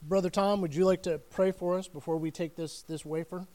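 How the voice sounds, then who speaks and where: A man's voice: high-pitched, steady tone, a little fast, a little mellow. A man preaching a communion sermon as the church's student and family pastor, speaking earnestly and emphatically with frequent restarts.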